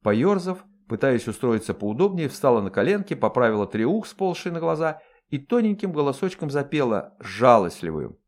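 A man narrating an audiobook in a lively, expressive reading voice. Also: mid-range voice, moderate pace, few pauses.

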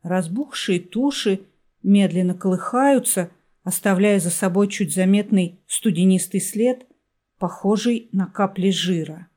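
Slow, mellow woman narrator reading a story, measured. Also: medium pitch. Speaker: audiobook narrator. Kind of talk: scripted narration.

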